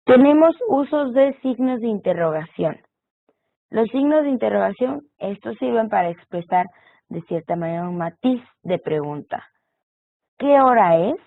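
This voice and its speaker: A woman's voice: medium pitch, animated, moderate pace, vocal fry, dry recording. Lady teaching an online class, explains step by step, thin phone-like sound. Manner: explanatory, spells out examples. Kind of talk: recorded online lecture. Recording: tinny phone-like audio.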